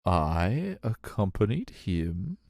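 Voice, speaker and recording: A man voicing a pompous older male police chief in a fan dub of a game, speaking in a slow, mocking, theatrical way. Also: low-pitched, big pitch swings, vocal fry, a little mellow, slight background noise, full character voice. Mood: feigning innocence. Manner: slow, drawn-out, mocking delivery.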